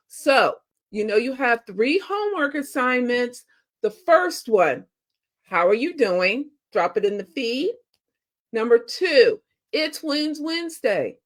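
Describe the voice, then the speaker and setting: Chatty woman host, scratchy from a cold. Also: fairly high pitch. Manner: chatty, addresses viewers directly and playfully. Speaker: show host. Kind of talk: casual livestream chat to viewers.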